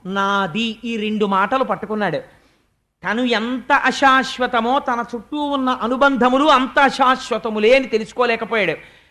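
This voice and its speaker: A man's voice: sits high, a bit bright. Telugu man giving a devotional discourse. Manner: rhetorical questions, acts out everyday speech. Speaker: spiritual discourse speaker. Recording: archival discourse audio.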